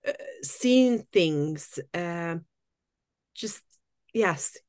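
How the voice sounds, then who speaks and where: A woman's voice: lowish voice, lively intonation, very slow, a little mellow, no room sound. A woman hosts a casual interview with an eager, friendly manner. She speaks non-native English and often restarts her sentences. Her voice is recorded dry and close. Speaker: podcast host.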